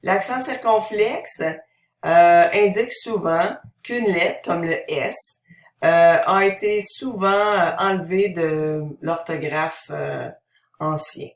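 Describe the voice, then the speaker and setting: A woman teacher giving a French pronunciation tutorial, modeling words slowly, checking in with "ok?" and filling pauses with "euh". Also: lowish voice. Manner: slow, deliberate modeling of words, switching between French and English explanations; frequent "ok?" checks and "euh" fillers. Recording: roomy, distant mic.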